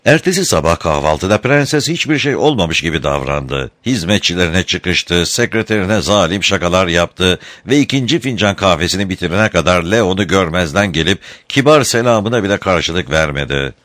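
A man narrating a novel as an audiobook, in a scripted, expressive storytelling manner. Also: sits low, normal speed, few pauses, no room sound.

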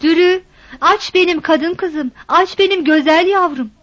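A woman's voice: very high voice, unhurried, fairly bright tone, no echo, pitched above the performer's own voice. A woman voicing a frantic village mother who shrilly scolds and calls for her daughter.

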